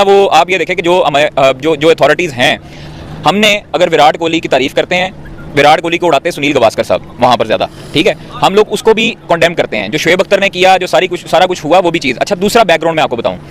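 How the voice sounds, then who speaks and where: A man argues fast and indignantly, his voice sitting fairly high. He hammers his points by repeating them. Faint traffic and street noise sit behind him. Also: fairly bright tone. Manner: indignant, emphatic, repeats phrases. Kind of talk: heated talk show discussion.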